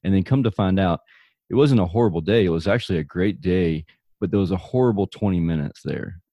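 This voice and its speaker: A man with a Deep South American accent hosting a casual interview in an informal, joking, rambling way. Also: a little fast, mellow, no room sound, highs cut off. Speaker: podcast host, interviewer.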